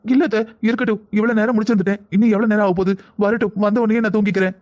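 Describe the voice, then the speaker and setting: A man's voice: high voice, steady tone, darkish tone, lightly acted. A man voicing a fretful young wife. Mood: worried. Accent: southern Tamil. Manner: pleading, scolding, quick. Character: anxious young wife, worried and reproachful. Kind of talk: cartoon voice acting.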